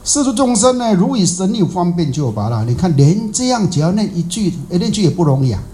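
Chatty monk giving a mellow dharma talk. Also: male voice, high voice, big pitch swings, a little fast, slight background noise, low-quality recording. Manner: chatty, rhetorical questions, many fillers and repeats. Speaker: Buddhist monk teacher. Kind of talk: colloquial dharma talk with anecdote.

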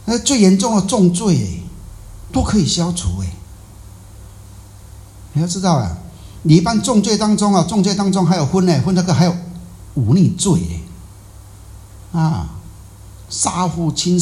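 A man's voice: high-pitched, warm tone. Man giving a rambling sutra lecture. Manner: loose, repetitive explaining full of filler particles and rhetorical questions. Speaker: Buddhist dharma teacher.

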